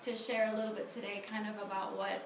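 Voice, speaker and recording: Speaking fast in a mid-range voice with little pitch movement, a woman from Honduras in her thirties gives a personal testimony and prayer at a church ministry meeting. She talks casually, often saying um and starting over. The phone recording, made on a table, has room echo and clear background noise.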